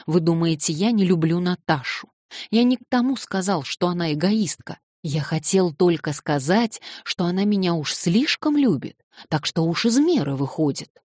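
A woman voicing an excitable, naive young man who protests plaintively, reading an audiobook. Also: fairly low pitch, moderate pace, no room sound, studio quality.

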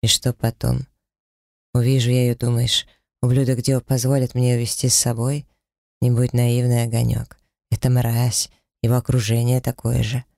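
A man voicing a brooding, bitter young heir in an audiobook, speaking gravely. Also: medium pitch, monotone, moderate pace, a little mellow, no room sound, studio quality, lightly acted. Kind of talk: audiobook character reading.

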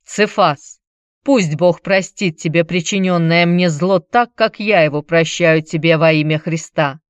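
A stern, wronged man speaks with grave weight, as a woman reads him. The voice sits low, close and dry. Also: a little slow, no echo, close to an everyday voice. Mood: solemn.

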